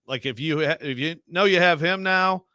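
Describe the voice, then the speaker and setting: A man's voice: a little high, moderate pace, sharp tone, smooth, no room sound, studio quality. A man hosting casual sports talk radio, wordy and often interrupting himself.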